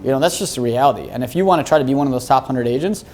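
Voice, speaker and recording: Man, real estate guest, rapid-fire and blunt, swears freely, animated storyteller, mid-pitched. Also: a little hiss or hum. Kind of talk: casual podcast interview.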